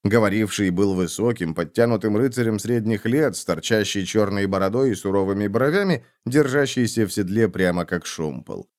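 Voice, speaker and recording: A man reading an audiobook in steady, scripted narration. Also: on the low side, moderate pace, few pauses, dry recording, studio quality.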